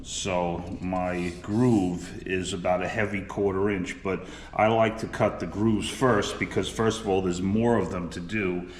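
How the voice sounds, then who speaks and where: A man's voice: low voice, fairly even intonation, measured pace, few pauses. A man demonstrating woodworking in a plainspoken, practical way, like a shop class teacher. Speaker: woodworker demonstrating cabinet making. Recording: echoey workshop, clear background noise.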